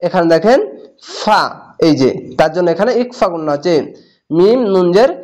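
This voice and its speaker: A man with a Bangladeshi Bengali accent teaching Quran recitation, spelling out each syllable slowly and then blending it into the whole word. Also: high voice, expressive, a little mellow. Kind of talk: step-by-step spelling and recitation lesson.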